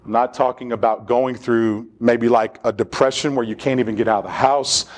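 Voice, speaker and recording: A man's voice: mid-range voice, steady tone, moderate pace. A man preaching a sermon as pastor in a church, leading the congregation in call-and-response. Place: church sanctuary.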